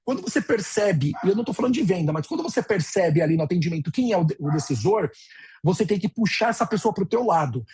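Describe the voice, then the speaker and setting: A Brazilian man in his forties, a dental practice consultant, gives a conversational webinar lecture with a Brazilian Portuguese accent. His voice sits high and is sing-song and darkish, and he talks fast, often checking in with tag questions and sharing personal stories.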